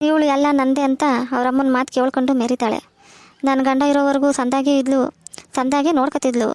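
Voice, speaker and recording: A woman's voice: high-pitched, darkish tone, no echo. A woman voicing a bitter, complaining old village widow with a rural Karnataka Kannada accent, full of sayings.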